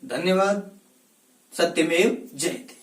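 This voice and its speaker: A man teaching a Hindi lesson for exam preparation, reading out a word list slowly and distinctly, one word at a time. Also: a little high. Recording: roomy and distant from the mic.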